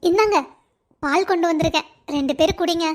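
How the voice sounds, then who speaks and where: A woman's voice: very high voice, quick pace. A woman voicing a doting, bossy middle-aged mother in a cartoon story, fussing over her family. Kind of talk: Tamil cartoon voice acting.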